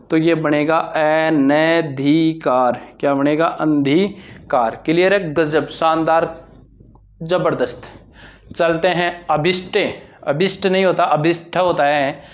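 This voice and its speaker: Male teacher, fairly high voice, repeats answers, quizzes himself. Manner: drilling, repeats answers, asks and answers own questions. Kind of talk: exam-prep Hindi grammar lesson.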